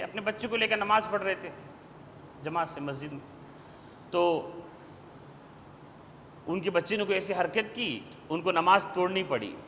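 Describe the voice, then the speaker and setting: A man preaching a sermon with forceful exhortation, now and then reciting verses in Arabic. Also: sits high. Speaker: maulana preacher. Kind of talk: Urdu sermon. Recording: hall reverb with faint background noise.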